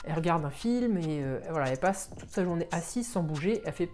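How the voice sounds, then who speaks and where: A man's voice: fairly high pitch, expressive, fast, darkish tone, slight background noise. A man, a fitness coach, explaining things in an informal way, talking straight to the viewer while he walks. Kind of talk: casual explainer video.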